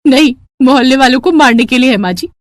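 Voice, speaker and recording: महिला द्वारा मुँहफट तेज़ बहू. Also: female voice, sits high, fast, no echo, pitched above the performer's own voice, close to an everyday voice. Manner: cheeky, talks back. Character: sharp-tongued young daughter-in-law.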